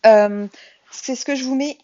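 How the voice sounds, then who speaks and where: A woman's voice: high-pitched, unhurried, mellow, dry recording, dull audio. A woman whose first language is French, explaining English grammar in a casual, chatty lesson and addressing her viewers directly. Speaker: English teacher.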